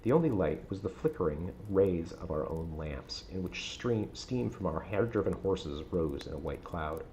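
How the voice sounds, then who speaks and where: A man reading a gothic novel aloud with a measured, dramatic storytelling delivery. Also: deep voice, animated, dark tone, slight background noise. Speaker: audiobook-style reader on a stream.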